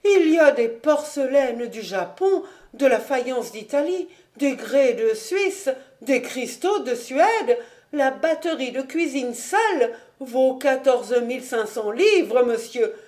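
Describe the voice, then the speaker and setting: Woman reading as a shrill, fussy old-style financier. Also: animated, takes it slowly. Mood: indignant. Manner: shrill, indignant, breathless. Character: fussy excitable male royal financier.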